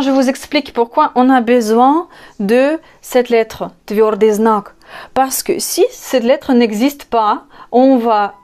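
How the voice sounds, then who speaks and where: This woman, a native Russian speaker with a Russian accent, teaches language online, patiently taking her time to spell out letters and repeat words. Her voice sits fairly high and sounds a little mellow.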